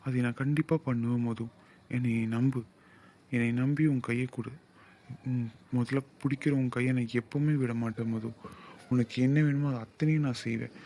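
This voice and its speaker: A man's voice: medium pitch, steady tone, moderate pace, mellow, natural voice. A young man acting a lovesick, possessive suitor who pleads and then insists in an audio drama. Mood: tender. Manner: insistent, swings from pleading to commanding.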